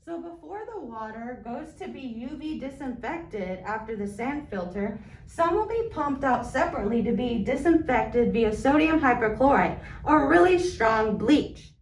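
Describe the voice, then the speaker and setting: A woman's voice: a little high, expressive, moderate pace, few pauses, reverberant, distant mic, a little hiss or hum, low-quality recording. A woman guiding viewers through a wastewater treatment plant, explaining each step plainly with everyday comparisons. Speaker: wastewater plant staff tour guide. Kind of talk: educational vlog walkthrough.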